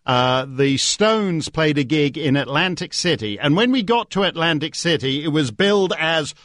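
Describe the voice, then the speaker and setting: A man's voice: a little high, lively intonation, moderate pace, a bit bright, no room sound. A man guest-hosting a talk radio show from a studio, delivering a sardonic, joking monologue with frequent "uh" fillers. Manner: sardonic, jokey, many "uh" fillers. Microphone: studio microphone.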